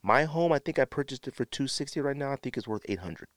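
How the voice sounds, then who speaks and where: Talking fast with lively intonation at a medium pitch, this man hosts a podcast full of opinionated takes. He's sniffly with a runny nose and repeats phrases to drive points home, recorded close on a podcast mic with no room sound.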